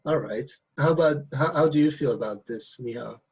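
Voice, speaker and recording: A man's voice: medium pitch, husky, dull audio. A man interviewing a dance couple, asking questions with frequent restarts. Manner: halting questions with many restarts.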